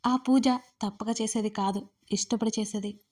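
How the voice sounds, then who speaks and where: A woman's voice: medium pitch, steady tone, moderate pace, darkish tone, lightly acted. Brief: woman reading as a teasing young woman friend, knowing and playful, close to her own voice. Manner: teasing, amused.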